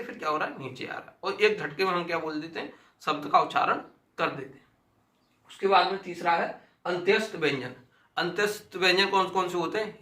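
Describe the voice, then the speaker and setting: Bright, high-voiced man teaching in an echoey room. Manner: drills sounds by repeating them aloud, asks and answers his own questions. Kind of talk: exam-prep grammar lesson.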